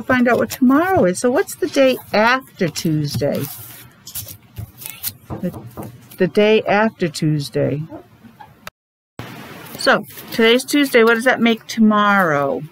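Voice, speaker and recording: Very animated yet slow-paced, with frequent pauses, a middle-aged preschool teacher speaks in a slightly high voice as she questions children during their morning meeting. Her simple, sing-song talk is a touch muffled by a face mask. The recording comes from a device microphone about arm's length away in a noisy room.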